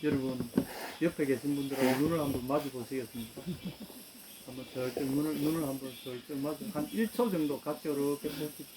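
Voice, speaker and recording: A man's voice: mid-range voice, steady tone, quick pace, background noise. A man with a Gyeongsang accent preaching a sermon, retelling a story and addressing the congregation directly. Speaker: pastor.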